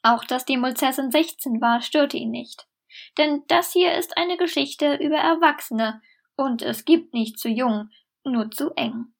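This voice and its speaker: A woman's voice: high voice, unhurried, gravelly. A woman narrating a scripted, satirical fairy tale in a dry, mock-solemn way. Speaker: storyteller.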